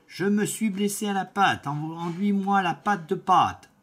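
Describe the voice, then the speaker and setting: A man's voice: sits high, measured pace, fairly bright tone, pitched above the performer's own voice. A man voicing a sly wolf who puts on a sugary, coaxing voice. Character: sly wolf faking a sweet mother voice.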